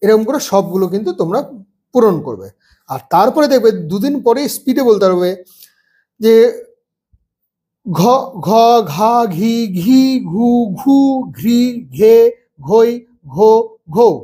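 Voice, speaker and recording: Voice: medium pitch, expressive, a little slow, pauses often, warm tone, slightly rough. A teacher patiently explaining a first-grade alphabet lesson, sounding out letters one by one.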